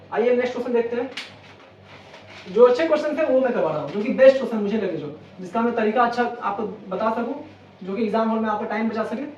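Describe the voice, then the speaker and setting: This maths tutor has a very high yet darkish voice as he preps viewers for exams, restating their questions before answering and working through every step. The recording sounds dull, lo-fi, roomy, and far from the mic, with faint noise.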